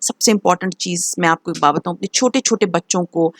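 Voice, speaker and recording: A woman's voice: fairly low pitch, no echo, clean studio sound. A middle-aged woman from Pakistan with a Pakistani Urdu accent, talking in a casual advice vlog, earnest and encouraging, dropping English phrases into her Urdu. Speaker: lifestyle vlogger. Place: home.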